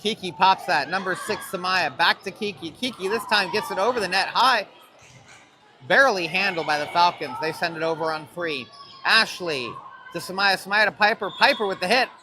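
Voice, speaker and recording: High-voiced man calling school volleyball. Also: moderate pace. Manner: chatty, cheerful, calls plays by player names and numbers. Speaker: play-by-play announcer for a high school volleyball stream. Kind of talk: casual sports commentary. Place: school gym. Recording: noisy gym audio.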